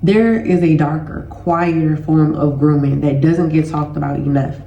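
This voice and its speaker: A woman with a stuffy nose and sore throat chats loosely and casually with viewers as a healing educator and host, calling them "y'all." Her deep, dark voice has vocal fry and a steady tone at normal speed. The recording is muffled and roomy with echo, plus a little hiss or hum.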